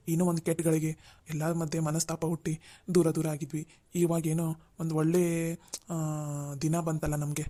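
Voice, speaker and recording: A gentle young husband from a cartoon, a schoolteacher who forgives without fuss, as a voice actor plays him. His tone is dark and mellow and stays level and flat. He speaks in a calm, reassuring way. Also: medium pitch, close to an everyday voice. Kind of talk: Kannada cartoon dubbing.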